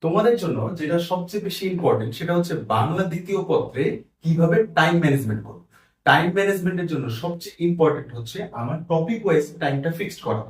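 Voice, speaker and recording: A male tutor giving a brisk exam-prep lesson, tallying minutes aloud and repeating figures as he goes. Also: on the high side, lively intonation, reverberant, far from the mic.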